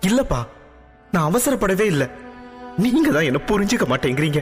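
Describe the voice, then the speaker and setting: A man voicing a proud, quick-tempered young princess who talks back fast and high in an audio drama. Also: lively intonation. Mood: indignant. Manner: indignant, complaining, fast and high. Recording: music bed, long reverb.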